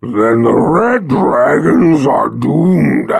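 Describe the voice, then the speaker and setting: A man voicing a huge proud young male red dragon, speaking slowly and booming as if from far off. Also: lively intonation, vocal fry, breathy edge, no room sound, full character voice. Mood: mournful. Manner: slow, booming, growling.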